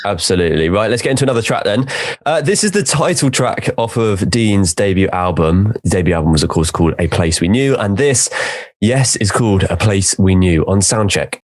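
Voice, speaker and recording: A male show host introducing tracks and asking questions in a brisk, eager, casual manner. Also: fairly low pitch, lively intonation.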